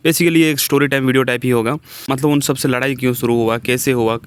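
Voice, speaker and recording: Young man, storytime vlog, casual rambling delivery, mid-pitched voice, smooth tone. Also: fairly even intonation, quick pace. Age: young adult. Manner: casual, rambling, repeats fillers and restarts. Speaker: vlogger.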